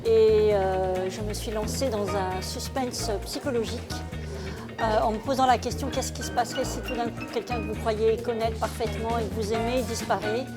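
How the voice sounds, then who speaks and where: A woman novelist introducing her first book in a measured way, with some fillers. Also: fairly high pitch, steady tone, loud music behind the voice. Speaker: author. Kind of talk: interview soundbite.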